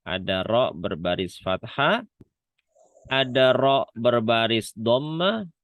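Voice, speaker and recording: Slow, patient male Quran reading teacher. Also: mid-range voice, a bit bright, dry recording. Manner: slow, patient, demonstrates letter sounds repeatedly. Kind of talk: online Quran reading lesson.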